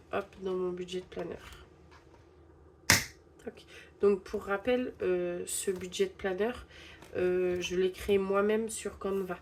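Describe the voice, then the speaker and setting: Counting bills out loud with some hesitancy, a young budgeting vlogger narrates casually through a stuffy head cold. She speaks in a mid-range voice, and there is background noise in the clip.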